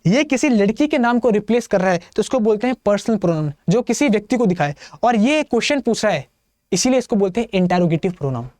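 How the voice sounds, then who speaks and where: A man's voice: high voice, expressive, quick pace, a little mellow, no echo, studio quality. A man teaching grammar in a classroom lecture style, constantly asking his students questions and answering them himself, with English terms mixed into his talk.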